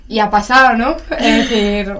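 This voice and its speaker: A young woman co-hosting a podcast, her voice sitting a little high. She talks in a loose, chatty way, full of fillers and quick laughs. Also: steady tone, background noise. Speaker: podcast co-host. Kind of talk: casual chat.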